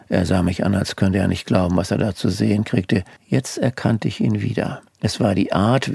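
A man's voice: on the low side, gravelly, breathy edge, no echo. A man narrating a first-person story in a dry, wry tone. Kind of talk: audiobook storytelling. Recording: dry close studio recording.

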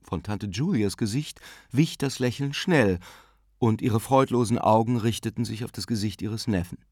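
A man narrating a literary story with an expressive, varied delivery, recorded close on a studio mic. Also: lowish voice, normal speed, no room sound. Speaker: audiobook narrator. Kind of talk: scripted narration.

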